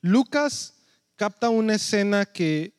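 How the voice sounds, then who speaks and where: A man's voice: high-pitched, lively intonation, slow, no room sound, studio quality. A man, a pastor preaching a sermon in a conversational storytelling way that keeps checking in with his listeners.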